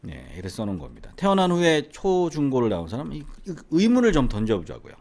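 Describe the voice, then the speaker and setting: A middle-aged man with a faint trace of a Gyeongsang accent talks straight to the camera as an English academy teacher. His voice sits at an ordinary middle pitch, but his intonation rises and falls a lot. He keeps asking the viewer questions as he makes his points. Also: wildly swooping pitch, fast, vocal fry, darkish tone. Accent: faint Gyeongsang Korean. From Gyeongsang region, South Korea. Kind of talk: casual educational monologue to camera.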